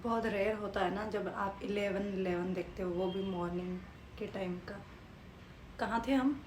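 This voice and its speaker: A young woman telling a story in a casual vlog, lively and animated, mixing English phrases into her talk. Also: medium pitch, moderate pace. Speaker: vlogger. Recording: echoey room with faint background noise.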